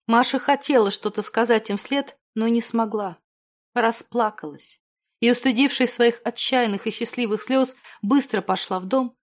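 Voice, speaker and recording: A woman narrating an audiobook in a calm, even storytelling manner. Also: on the high side.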